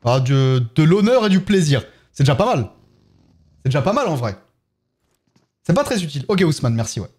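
A man's voice: fairly high pitch, sing-song, normal speed, pauses often, darkish tone, slightly rough. A man with a French accent, chatting casually on a live game stream and thanking viewers one by one as he plays.

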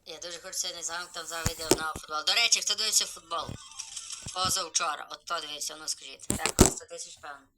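A man live-streaming a game, chatty and excited, greeting viewers as he plays. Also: fairly high pitch, fast talker, over loud music, poor audio.

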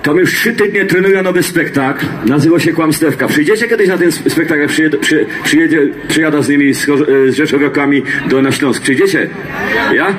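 A man's voice: fairly high pitch, brisk, fairly bright tone, a little hiss or hum. A middle-aged man with a Silesian accent bantering with an audience in dialect, jokey and folksy, repeating himself as he goes, through a handheld microphone on an outdoor stage. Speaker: comedian and singer, stage entertainer. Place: outdoor stage in a town square. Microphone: handheld microphone through loudspeakers. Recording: live PA with music, filmed from audience.

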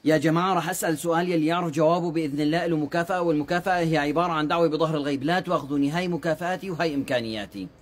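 A man's voice: a little high, rapid-fire, hardly any pauses. A man giving short religious advice talks as a preacher, earnest and explanatory, quoting scripture at length. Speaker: Islamic preacher.

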